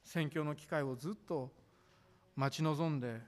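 A man preaching a sermon as pastor, measured and formal, drawing out the ends of his sentences. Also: fairly high pitch. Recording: echoey hall reverb.

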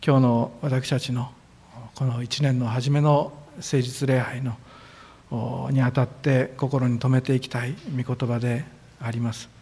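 A man serving as a church pastor, leading a formal prayer and then preaching in a relaxed, friendly way. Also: mid-range voice, measured pace, husky. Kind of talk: prayer and sermon. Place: church sanctuary.

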